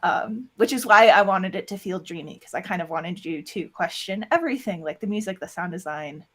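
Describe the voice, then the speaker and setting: Fairly quick and mid-range in voice, an audio drama producer appears as a relaxed interview guest. The speech is animated, often slipping into performed snippets of quoted dialogue.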